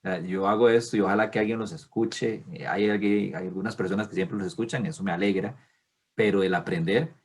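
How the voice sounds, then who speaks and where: Husky-voiced podcast host. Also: male voice, on the low side, steady tone, fairly quick. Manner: enthusiastic, chatty, frequent affirmations. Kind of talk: casual podcast interview.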